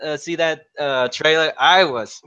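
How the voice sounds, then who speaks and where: A man in a casual gaming podcast, excitable and swearing freely. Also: on the high side, measured pace, clear, resonant tone, muffled recording.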